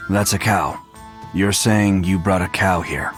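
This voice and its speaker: A surly gatekeeper from a comedy adventure game. He is curt and deadpan, turning visitors away with dry sarcasm in a mid-to-low male voice, with music underneath. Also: unhurried. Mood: dry, sardonic. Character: surly, deadpan male guard at a duke's door. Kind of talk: video game character acting.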